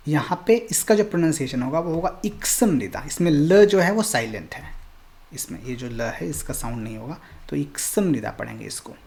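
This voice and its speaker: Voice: mid-range voice, a little fast, creaky, darkish tone. A Korean language teacher giving a recorded online lesson, explaining patiently and reassuringly while switching between Hindi and English.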